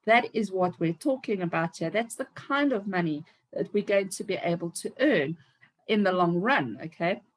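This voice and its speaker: A woman's voice: medium pitch, animated, moderate pace. A woman, giving an upbeat, emphatic motivational talk as a team leader on a video call. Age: 50s.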